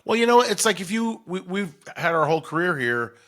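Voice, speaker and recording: Here the Denver-born middle-aged host sounds high, very animated, a little fast and slightly bright. He's chatting casually on his podcast, spinning stories in a loose, rambling manner.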